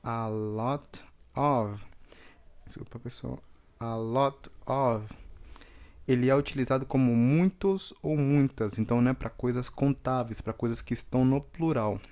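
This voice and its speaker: A native Portuguese-speaking man teaches English vocabulary at an unhurried, deliberate pace. He says each word several times and pauses often to check that his students are following. His voice sits at an ordinary middle pitch. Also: a little mellow. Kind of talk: vocabulary lesson with repetition drills.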